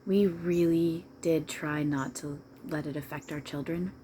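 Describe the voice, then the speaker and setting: Low-voiced woman channeling as a seance medium. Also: fairly even intonation, unhurried, dark tone, slight background noise. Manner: emphatic, repetitive, preachy counsel addressed to listeners. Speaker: trance medium channeling a spirit. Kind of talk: seance medium channeling, informal advice monologue.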